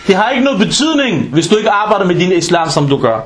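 A man with a high voice delivers a humorous sermon, telling stories with rhetorical questions. He scatters Arabic religious terms through his talk. The room around him rings with echo. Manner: animated storytelling with rhetorical questions. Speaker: preacher. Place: mosque.

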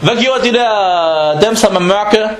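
High-pitched man preaching in a roomy space. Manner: animated, mixes in Arabic phrases and recitation. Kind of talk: informal religious lecture.

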